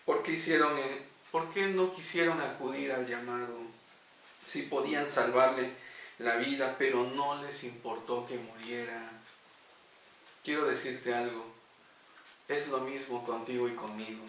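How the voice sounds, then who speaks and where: Guy telling a bible-style missions story, bright voice, lots of room echo, mic kinda far. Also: mid-range voice, fairly even intonation, unhurried, a little hiss or hum. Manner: earnest, with hesitant fillers. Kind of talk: devotional storytelling. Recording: echoey room, distant mic.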